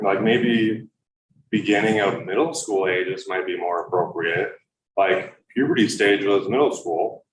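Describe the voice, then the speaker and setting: Very deep-voiced man on an echoey meeting-room recording. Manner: halting and earnest, many fillers. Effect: official meeting-room recording, like a courtroom tape. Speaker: parent speaking at public comment. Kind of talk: public comment at a board meeting. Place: public board meeting room. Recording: roomy hall recording from far off with faint background noise.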